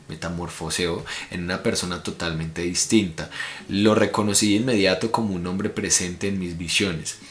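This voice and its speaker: A man's voice: deep voice, fairly bright tone. A man with a Colombian Spanish accent voicing an astonished male student of spiritual teachers, read aloud from a book in his own manner. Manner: plain read-aloud delivery. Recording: echoey room.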